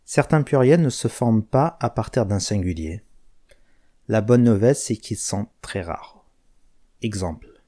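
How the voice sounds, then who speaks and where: A man teaching a language lesson, slowly spelling out words and giving word pairs one by one. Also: lowish voice, animated, mellow.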